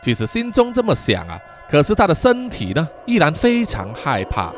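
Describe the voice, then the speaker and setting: A man's voice: on the high side, wildly swooping pitch, normal speed, soft background music. A man narrating a spooky folk tale, dramatic and drawn out, with long trailing particles at the ends of his sentences. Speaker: storyteller. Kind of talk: spoken horror story narration.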